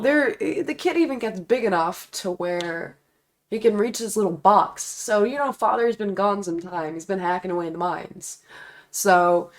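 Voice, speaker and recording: A woman with a hoarse voice from being sick, rambling sarcastically through improvised movie commentary. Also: lowish voice.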